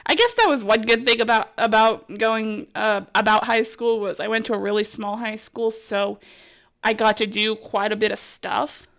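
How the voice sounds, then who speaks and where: A young woman hosting a podcast, telling a chatty, excitable story with lots of "like" and "oh my gosh" as she quotes herself. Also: mid-range voice. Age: young adult. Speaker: podcast host and college sports broadcaster. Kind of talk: casual storytelling monologue.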